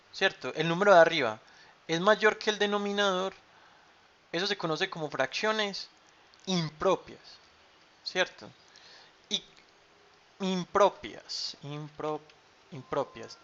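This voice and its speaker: A man's voice: a little high, sharp tone. A man teaching an online math class, patient, repeating key terms and checking with "cierto?". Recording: dull lo-fi sound.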